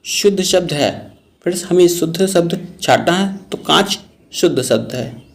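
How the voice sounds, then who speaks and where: Male Hindi teacher, raised gravelly voice, repeats each word while explaining spelling for exam prep. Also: on the high side, lively intonation, normal speed. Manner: explains word by word, repeats terms, calls viewers "friends".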